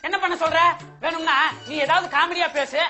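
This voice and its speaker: A man's voice: very high-pitched, steady tone, a little fast, bright, forceful tone, soft background music, heavily acted. An actor playing the bride's father in a sketch comedy, bantering and cracking jokes. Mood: teasing. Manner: jokey, bantering. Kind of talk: Tamil TV sketch comedy acting.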